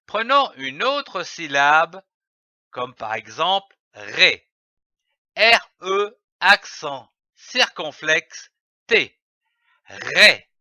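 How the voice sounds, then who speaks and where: A man teaching a reading lesson for young children, spelling out letters and syllables slowly and deliberately. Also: a little high, sing-song, bright, forceful tone, no echo. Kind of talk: slow, carefully articulated phonics lesson. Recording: dry, dull lo-fi voice-over.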